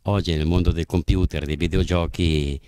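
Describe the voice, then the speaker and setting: A man's voice: deep voice, steady tone, normal speed, a little mellow, clean tone, no echo. A man, a puppeteer explaining his craft in an interview into a handheld microphone. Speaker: puppeteer from a family company. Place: indoors at the puppet theatre.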